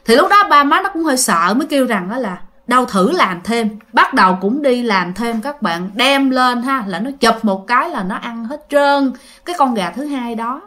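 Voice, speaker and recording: A woman's voice: fairly high pitch, expressive, moderate pace, sharp tone. A woman narrating a ghost story in a chatty way, often speaking directly to her listeners.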